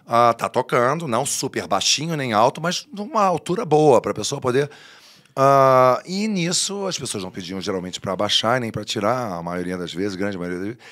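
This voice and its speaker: In a podcast studio, a male guest tells stories in casual chat, speaking a little fast in a mid-range voice. He is an animated storyteller who acts out the people he quotes.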